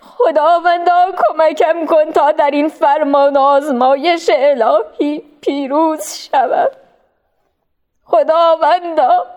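A woman voicing an old prophet father pleading in prayer in a storybook reading, slow and earnest. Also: sits high, steady tone, a little mellow, dull audio, voice pushed up, lightly acted.

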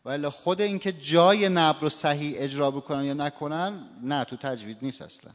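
A man's voice: fairly high pitch, big-room sound. A man teaching Quran recitation, explaining patiently and politely and answering students' questions in a classroom lecture.

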